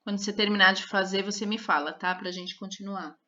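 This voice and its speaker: A woman teaching a third-grade lesson, repeating each word and counting its syllables with slow care. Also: mid-range voice, fairly even intonation, pushed and bright. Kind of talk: slow, careful classroom lesson. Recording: dull lo-fi recorded lesson.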